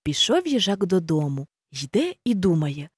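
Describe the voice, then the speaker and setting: A woman reading a children's fairy tale aloud in an expressive, animated way. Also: fairly low pitch, normal speed, slightly rough, no echo, clean studio sound. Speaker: storyteller. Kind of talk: storybook reading.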